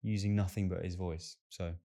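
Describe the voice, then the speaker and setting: A man's voice: low-pitched, fairly even intonation, moderate pace, gravelly, warm tone. A man in his twenties, a band member, making blunt, insistent points as a guest in a casual interview. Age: 20s. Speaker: band singer.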